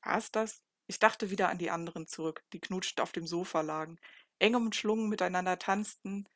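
A woman's voice: on the low side, fairly quick, dry recording, studio quality. Woman reading a novel aloud. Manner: calm, even reading with occasional small slips. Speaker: audiobook narrator. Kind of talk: first-person novel narration.

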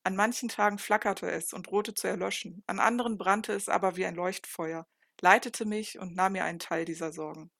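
A woman narrating a first-person novel in a calm, even reading voice. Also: mid-range voice, a little fast, gravelly, no echo, clean studio sound. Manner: calm, even reading with occasional small slips. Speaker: audiobook narrator.

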